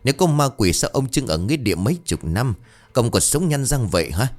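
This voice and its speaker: A man voicing a gruff skeptical village father. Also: mid-range voice, very animated, a little fast, soft background music, pitched above the performer's own voice. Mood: dismissive. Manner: gruff, dismissive. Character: stubborn skeptical middle-aged village father.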